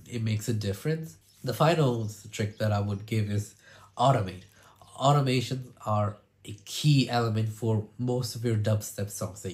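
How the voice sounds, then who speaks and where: A man's voice: lowish voice, darkish tone. A man with a cold and a congested voice, talking through sound design tips in a loose, rambling way with lots of "you know" and restarts. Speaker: music producer and video host. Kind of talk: casual sound design tutorial.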